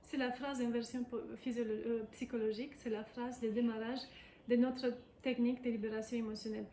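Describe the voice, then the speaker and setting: Woman, tapping instructor, calm repetitive guidance, mellow tone, echoey room, faint background ambience. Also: a little high, slight background noise. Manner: calm, repetitive, slow guided phrases. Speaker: EFT tapping practitioner.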